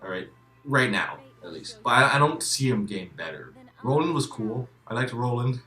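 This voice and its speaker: A man's voice: mid-range voice, very animated, moderate pace, pushed and bright, echoey room. A man who is a guest in a casual game discussion, repeating words as he restarts and swearing emphatically.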